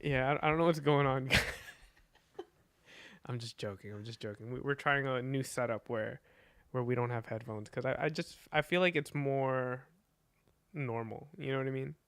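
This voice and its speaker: A man hosting a relaxed podcast with a gravelly, slightly fried voice. The sound is dry and close-miked. He talks loosely, laughs often and leans on fillers. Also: mid-range voice, normal speed, no room sound. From Philippines. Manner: laid-back, laughing, filler-heavy. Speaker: podcast host. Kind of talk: casual chat.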